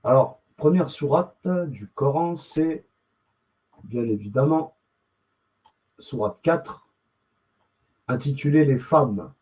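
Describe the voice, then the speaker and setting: A man talks very slowly, drawing out his words, then drops into muttering asides to himself as he searches on his screen. His casual host chatter wanders and keeps restarting, broken by sudden emphatic bursts. His voice sits at an ordinary, middle pitch for a man. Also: darkish tone, low-quality recording. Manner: rambling, self-interrupting, mutters to himself while searching. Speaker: YouTube host. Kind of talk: casual screen-share commentary.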